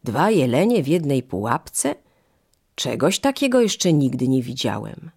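A storyteller with a slow, gravelly, husky voice voicing a rough male hunter who speaks with quiet gravity. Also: mid-range voice, big pitch swings, heavily acted. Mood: surprised.

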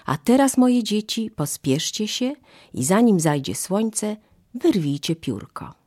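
A woman voicing a gentle male goose who speaks as the children's father, calm and instructive. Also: mid-range voice, slow, pitched above the performer's own voice. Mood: tender.

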